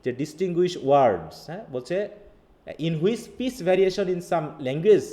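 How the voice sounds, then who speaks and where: Mellow-voiced man teaching class. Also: sits high, expressive, measured pace. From Bangladesh. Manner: reads English lines from a text, then explains them in Bengali. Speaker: English literature teacher. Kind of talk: live online class lecture.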